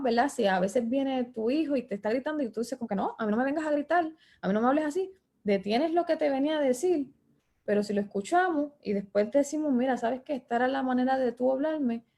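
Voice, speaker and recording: A woman's voice: high-pitched, mellow. Woman teaching a counseling class. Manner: frequent "¿verdad?" tag questions and filler "eh". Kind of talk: lecture to a class.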